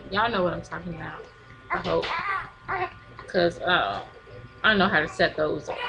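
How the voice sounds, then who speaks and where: A woman's voice: mid-range voice, rough recording. A young woman tells viewers a story in a casual, chatty vlog, laughing often. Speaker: vlogger.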